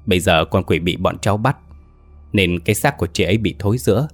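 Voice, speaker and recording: Man voicing a brisk young female exorcist. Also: low-pitched, faint music behind. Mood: explaining.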